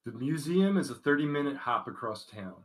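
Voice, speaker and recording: A man running a tabletop game over a voice call, reading the scene description slowly and evenly. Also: mid-range voice, very animated, rough recording. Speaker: game master.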